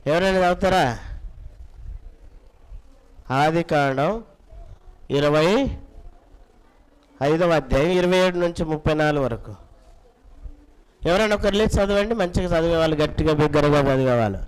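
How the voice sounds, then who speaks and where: A man leads a children's Bible lesson with a slightly raised pitch. He fires short questions at the class and repeats them. He keeps coaxing the children to answer louder. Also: lively intonation, moderate pace, pauses often, smooth, rough recording. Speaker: Bible school teacher. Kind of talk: teaching children, quizzing the class.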